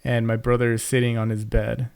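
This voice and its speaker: A man's voice: mid-range voice, completely flat delivery, brisk, creaky, a little mellow, clear, resonant tone, dry recording. A young man co-hosting a podcast, telling a family story in casual chat, rambling with many fillers and restarts into a close mic. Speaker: podcast co-host.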